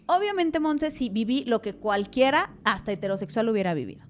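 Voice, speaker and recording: A woman's voice: on the high side, animated, a little fast. A Mexican woman, a mother and podcast guest, telling her story animatedly, acting out dialogue with many fillers. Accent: Mexican Spanish. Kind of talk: interview conversation.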